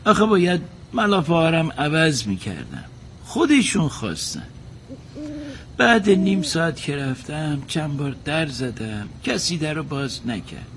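A man's voice: a little high, big pitch swings, fairly bright tone, slight background noise. An actor playing a male inn worker who politely and defensively answers a theft accusation. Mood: explaining.

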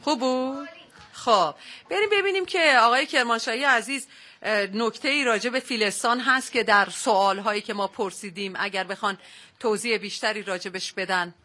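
Bright-voiced woman hosting radio. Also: on the high side. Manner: upbeat, prompting with short replies. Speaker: radio host.

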